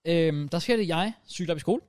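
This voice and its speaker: A young man on a podcast, telling a story in lively casual chat and dropping English slang into his speech. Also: fairly high pitch. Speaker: podcast co-host.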